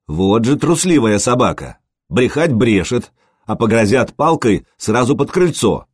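A man's voice: mid-range voice, big pitch swings, a little slow, breathy edge, dry recording, studio quality. A man voicing a cocky young Varangian warrior who jeers and mocks. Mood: jeering. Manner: jeering.

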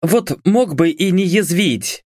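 A man's voice: sits high, big pitch swings, a little slow, dry recording, studio quality, voice pushed up. A man voicing an irritable, nervous young woman lawyer who grumbles and swears in an audiobook. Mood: grumbling. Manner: sharp, complaining, swears.

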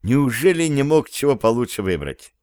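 A man's voice: mid-range voice, very animated, moderate pace, darkish tone, dry recording, clean studio sound, natural voice. A man voicing a stern, exasperated chief who scolds and questions his unruly team in an audiobook. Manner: scolding, interrogating.

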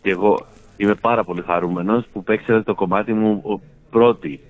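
A man's voice: on the low side, steady tone. A man calling in by phone, chatting casually with dry, mock self-important humor. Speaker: phone-in guest, radio station director. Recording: tinny phone line.

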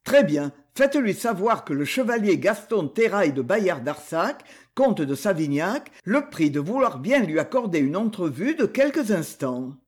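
A man voicing a haughty adult nobleman in an audiobook, curt and commanding, in a high voice. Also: very animated, normal speed, hardly any pauses, slightly rough, heavily acted. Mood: imperious.

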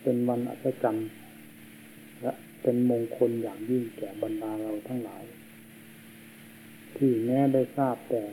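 A man, a monk, giving a slow and solemn sermon, heard on an old worn tape. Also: mid-range voice, fairly even intonation, vocal fry, warm tone, slight background noise, poor audio. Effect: old worn tape recording.

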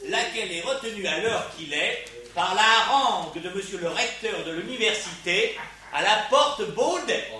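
An actor playing a pompous playwright who declaims in a hammy, theatrical stage manner to a crowd in a costume drama. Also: male voice, high voice, lively intonation, normal speed, sharp tone, a little hiss or hum. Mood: grandiloquent. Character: pompous male playwright addressing a rowdy crowd. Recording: roomy echo, distant, crowd behind.

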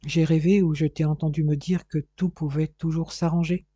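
A man's voice: on the high side, flat delivery, normal speed, warm tone, breathy edge, no echo, muffled recording. A man voicing a heartbroken, lovesick young man who pleads and despairs. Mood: pleading.

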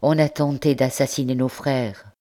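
A woman's voice: a bass voice, fairly even intonation, normal speed, warm tone. A woman reading the part of an impassioned young male revolutionary in an audiobook, grave and fervent.

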